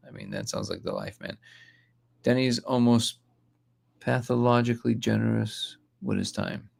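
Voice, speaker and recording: A man's voice: medium pitch, wildly swooping pitch, moderate pace, vocal fry, a little mellow. A man from Russia hosting a live stream, reading comments aloud and talking bluntly with frequent restarts.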